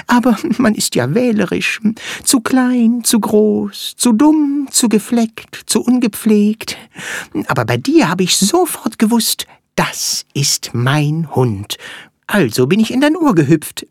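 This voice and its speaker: A reader voicing a tiny, chatty, fussy male flea in a children's story, high and bouncy in manner. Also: very animated, a little mellow, slightly rough, dry recording, studio quality, full character voice. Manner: high, bouncy and quick-witted. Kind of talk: storybook character voice.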